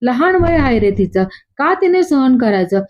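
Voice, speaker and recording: A woman's voice: high-pitched, very animated, measured pace, darkish tone, voice pushed up. A woman voicing an older aunt who lectures a wayward nephew reproachfully. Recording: dull lo-fi.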